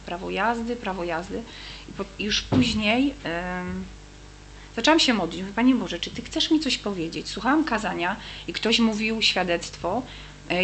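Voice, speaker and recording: A woman's voice: mid-range voice, a bit bright, slight background noise. Hesitant woman giving a faith testimony. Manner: earnest storytelling with many hesitations. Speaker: testimony speaker.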